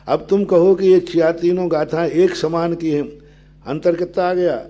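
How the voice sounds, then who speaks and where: An older man, a Jain monk, giving a sermon that explains scripture, asking his listeners questions and answering them, with verses chanted in a low sing-song. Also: steady tone, normal speed, dark tone, lo-fi sound.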